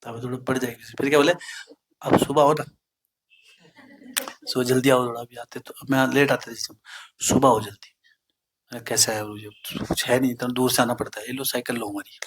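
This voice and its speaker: A man's voice: medium pitch, level tone, fast, noisy background. A man giving a devotional talk, telling anecdotes in a conversational way and often checking in with his listeners. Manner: anecdotal, peppers speech with "है ना?" and English phrases. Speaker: preacher.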